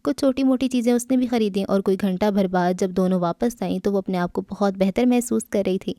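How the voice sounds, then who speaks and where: A woman narrating a novel in a measured, even reading voice. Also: medium pitch, no echo, studio quality. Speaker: audiobook narrator.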